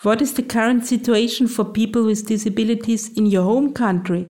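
Woman radio host, clear read-aloud delivery. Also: fairly high pitch, fairly even intonation, brisk, mellow. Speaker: radio show host, interviewer. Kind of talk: scripted radio introduction and interview questions.

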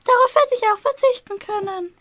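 A woman's voice: very high-pitched, moderate pace, fairly bright tone, a little hiss or hum. A schoolgirl playing an eager fantasy-research interviewer. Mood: dismayed. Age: teens.

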